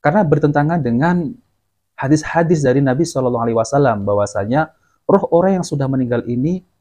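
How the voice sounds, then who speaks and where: Speaking fast in a mellow, mid-range voice, a man hosts a religious commentary channel. He addresses viewers directly, replaying clips and explaining them didactically.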